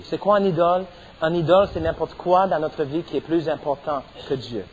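A man's voice: a little high, brisk, darkish tone, muffled recording, slight background noise. A middle-aged man preaching a sermon as pastor, stressing points and punctuating them with amens. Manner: preaching with rising emphasis and repeated amens.

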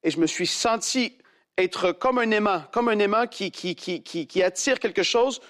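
A man preaching, telling a testimony dramatically and acting out the quoted voices. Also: moderate pace. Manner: animated storyteller who acts out quoted voices in a much higher pitch. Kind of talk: sermon storytelling.

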